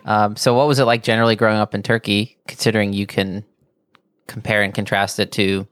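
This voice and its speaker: A man's voice: lowish voice, little pitch movement, fairly quick, a bit bright, smooth, no echo, studio quality. A man hosting a casual conversation, asking curious questions and joking along. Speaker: host. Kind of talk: casual chat.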